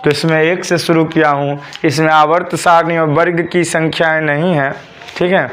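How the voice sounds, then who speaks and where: A man's voice: on the high side, little pitch movement, moderate pace, fairly bright tone. A male teacher, giving a classroom lesson and drilling students with repeated questions for them to answer back.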